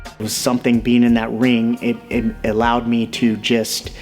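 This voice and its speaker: A man in his forties, a police officer and boxer, speaks in a measured, reflective way as he tells his story for a documentary interview. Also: mid-range voice, monotone, darkish tone, soft background music. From United States. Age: 40s.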